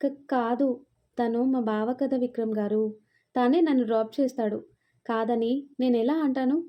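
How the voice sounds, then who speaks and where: A woman's voice: a little high, steady tone, normal speed, dull audio, natural voice. A woman reading the part of a shy young female student who stammers and pleads. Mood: tearful. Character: timid young woman student, easily frightened.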